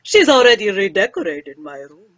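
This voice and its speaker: A woman's voice: medium pitch, very animated, normal speed, no room sound, natural voice. A woman playing a jocular, teasing old male professor in an old-time radio comedy, on a muffled recording. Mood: wry.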